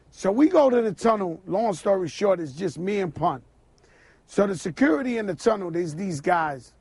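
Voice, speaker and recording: Guy with a raspy high voice acting out a wild story, big swings up and down, dry studio sound. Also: no echo. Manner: acts out quotes, shouting and laughing. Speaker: guest. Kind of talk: animated anecdote telling. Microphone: radio studio mic.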